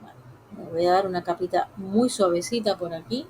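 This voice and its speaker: A woman teaching a live drawing lesson, talking softly and unhurriedly to viewers as she works. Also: fairly low pitch, slight background noise, poor audio. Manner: soft, unhurried, talks while drawing; addresses viewers directly.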